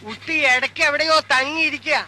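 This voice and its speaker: A very high male voice of an anxious household servant, cautious and deferential. Loud noise fills the soundtrack around him. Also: quick pace. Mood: worried. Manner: fretful, warning, deferential. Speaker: household helper. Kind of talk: 1990 film drama acting.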